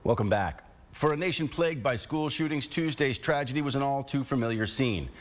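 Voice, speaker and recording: A man's voice: medium pitch, a little fast, slight background noise. An American man reading scripted television news as an anchor.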